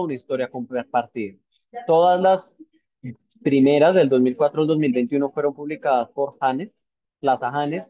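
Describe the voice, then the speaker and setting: A man's voice: medium pitch, dry recording. A man presenting a novel to a book club in a thoughtful, hesitant way, with many fillers and tag questions. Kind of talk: informal book discussion talk. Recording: dull lo-fi sound.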